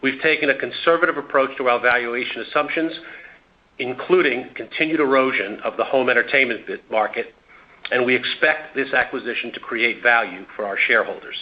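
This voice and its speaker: Give me a male executive reading formal remarks over a conference call speakerphone, with muffled lo-fi sound. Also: medium pitch. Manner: formal and measured, with occasional restarts. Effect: heard over a conference call speakerphone line. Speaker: company executive. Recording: dull lo-fi conference call audio.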